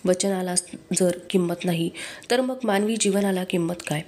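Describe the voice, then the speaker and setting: A woman reading the part of a gentle, trusting male saint in a storybook reading, in an earnest, pleading tone. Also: on the low side, moderate pace, close to an everyday voice. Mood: pained earnest. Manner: earnest, pleading prayer to God.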